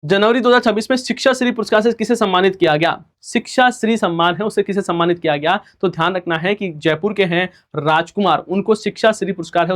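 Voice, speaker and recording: Male tutor, fairly high voice, quick recorded lecture, asks and answers himself. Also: fairly bright tone. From India. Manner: rhetorical questions and repeated answers, student-style replies; fast-talking. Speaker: teacher. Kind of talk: recorded exam-prep lecture.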